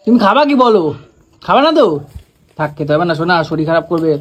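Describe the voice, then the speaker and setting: A woman's voice: on the low side, sing-song, quick pace, slightly rough. A woman coaxing and teasing playfully as a vlog host in casual family banter.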